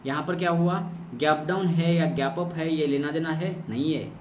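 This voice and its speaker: A man's voice: on the high side, fairly even intonation, normal speed, highs cut off. A man teaching trading strategy on a chart, explaining step by step, repeating key terms and asking himself questions. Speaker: trading course instructor. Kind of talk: screen-recorded chart lesson. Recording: echoey room, distant mic, faint noise.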